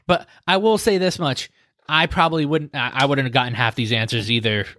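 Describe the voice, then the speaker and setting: A man's voice: mid-range voice, fairly quick, bright, forceful tone. A man hosting a podcast, reading food quiz questions in a game-show manner and often laughing. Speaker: podcast host, quizmaster.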